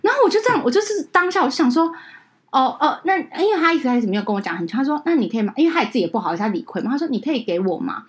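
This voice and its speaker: In a casual podcast conversation, a woman with a Taiwanese Mandarin accent recounts an outraged story, performing the dialogue herself. She speaks at a racing pace in a high, animated voice.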